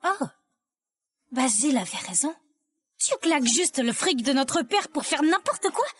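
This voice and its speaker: A sneering, scornful sister. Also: female voice, high voice, animated, measured pace. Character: scornful sister, sharp-tongued and contemptuous. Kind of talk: French-dubbed drama.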